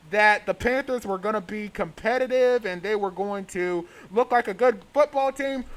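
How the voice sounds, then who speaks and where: A man's voice: high voice, a bit bright. A man hosting a sports vlog, delivering an opinionated rant in an exasperated, emphatic way. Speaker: sports show host.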